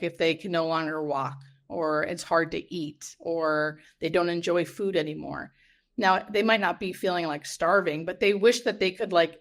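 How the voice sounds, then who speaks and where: A woman talks as a guest hospice nurse in a podcast conversation. Her voice sits a little low. She is earnest and emphatic, restating key phrases so they land.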